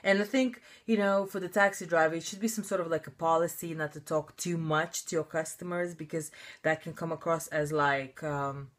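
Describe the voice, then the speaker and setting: A young woman vlogging a rant with a slightly low voice. She talks chattily, fills her speech with "like" and "you know", and sounds indignant. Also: steady tone, normal speed. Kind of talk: casual ranting storytelling.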